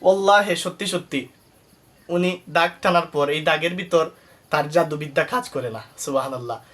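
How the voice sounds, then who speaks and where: A male Islamic preacher from Bangladesh telling a sermon story with emphatic delivery, dropping into soft murmured Arabic praises. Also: on the high side, moderate pace.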